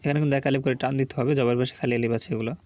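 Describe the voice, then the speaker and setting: A man's voice: medium pitch, steady tone, racing, darkish tone. A man teaching beginners to read the Quran, spelling out Arabic syllables and patiently repeating each one twice.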